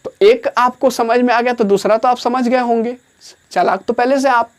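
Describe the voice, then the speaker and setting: A man's voice: extremely high pitch, fairly even intonation. Indian man teaching a grammar class. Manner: explains slowly, repeats phrases, dictates words one at a time.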